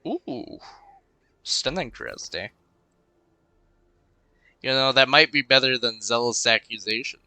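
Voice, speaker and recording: A young gamer, a bit congested, talks casually through his play, rambling and muttering as he thinks. His voice is medium in pitch, bright, forceful and smooth, and he goes slowly with frequent pauses. His cheap desk microphone picks up no echo.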